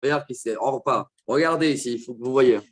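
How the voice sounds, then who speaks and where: A man teaching a Torah class as a rabbi, explaining verses with quick asides to his listeners. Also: mid-range voice, breathy edge. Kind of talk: Torah lesson.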